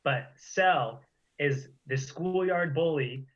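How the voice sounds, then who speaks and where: A man's voice: a little high, slow, dull audio. A young man co-hosting a casual chat, animatedly retelling and reacting as a fan. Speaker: co-host.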